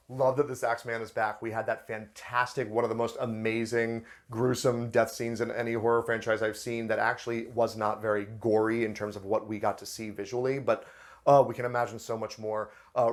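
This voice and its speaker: A man's voice: fairly low pitch, creaky. A man hosting a review channel, talking through a TV episode in a chatty, enthusiastic way with fillers and restarts. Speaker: host of a book and film review channel. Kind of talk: casual review commentary.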